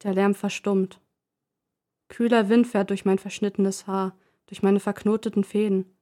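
A woman narrating a first-person story in a calm, measured reading voice. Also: medium pitch.

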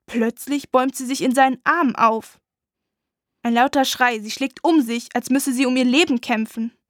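High-voiced woman reading a dark story. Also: steady tone, moderate pace, dry recording, clean studio sound. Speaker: audiobook narrator. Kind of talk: first-person dramatic audiobook reading.

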